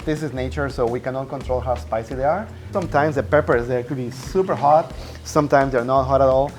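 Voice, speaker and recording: Man from mexico, chef, explains steps at a hot grill, kitchen, soft music under. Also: medium pitch, fairly quick. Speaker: chef and restaurant owner. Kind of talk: casual cooking chat.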